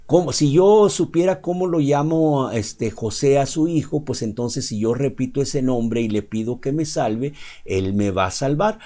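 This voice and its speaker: A man's voice: mid-range voice, warm tone. A man giving an unscripted sermon, talking in a loose, conversational way and often checking in with his listeners. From Mexico. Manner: conversational, keeps asking "¿verdad?" and pausing with "este". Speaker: preacher.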